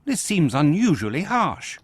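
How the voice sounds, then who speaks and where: A proper British gentleman doctor, a detective's sidekick in a video game. The voice is husky and fairly high, hugely animated, with fussy, formal phrasing. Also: unhurried, no room sound, heavily acted. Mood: indignant. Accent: British English. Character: proper, indignant, good-hearted gentleman doctor, detective's companion. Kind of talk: dramatic video game voice acting.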